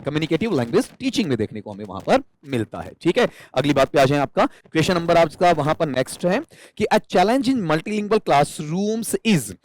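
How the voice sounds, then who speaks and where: A man's voice: sits high, no echo. A man teaching an exam-prep English lesson, explaining step by step and asking and answering his own questions. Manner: calls students "beta".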